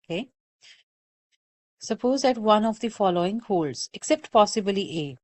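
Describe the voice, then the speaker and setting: A woman's voice: mid-range voice, animated, normal speed, darkish tone. A woman math teacher giving a recorded calculus lecture, explaining step by step and often checking in with "okay?". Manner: patient, repeats warnings, checks in with "okay?".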